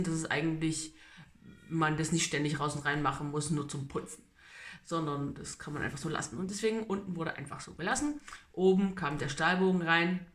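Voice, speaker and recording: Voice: mid-range voice, fairly bright tone. A person talking casually in a personal video diary, speaking with braces in the mouth. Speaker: vlogger giving a personal treatment update. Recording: roomy, echoing home recording.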